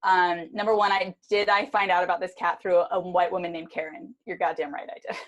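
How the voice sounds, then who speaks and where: A young adult woman co-hosting a casual podcast, animated and joking, with lots of restarts. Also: fairly low pitch, a little fast. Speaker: podcast co-host. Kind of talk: casual chat.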